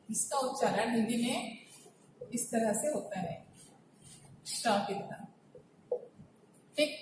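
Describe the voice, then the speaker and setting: A woman's voice: high-pitched, distant mic, background noise. A woman teaching a Hindi pronunciation lesson. She explains step by step and often asks a question, then answers it herself. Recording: echoey room, voice from off-mic.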